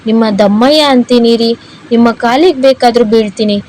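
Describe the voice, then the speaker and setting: A woman's voice: a little high, normal speed, a little mellow, slight background noise, lightly acted, poor audio. A woman voicing a frantic young mother who pleads and wails for her child in a read-aloud story. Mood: pleading. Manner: pleading, wailing.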